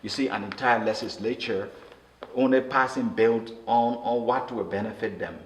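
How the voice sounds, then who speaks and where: A man from Liberia, speaking earnestly in an interview and often halting and restarting his words. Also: fairly low pitch. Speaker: interview guest. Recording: roomy echo with faint noise.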